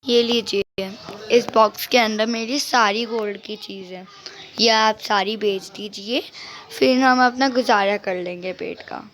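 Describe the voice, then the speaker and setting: A woman's voice: medium pitch, fairly even intonation, a little slow, a bit bright, slight background noise. A woman host doing game role-play as a poor, devoted mother who talks in a firm, comforting way. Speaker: gaming channel host voicing a family.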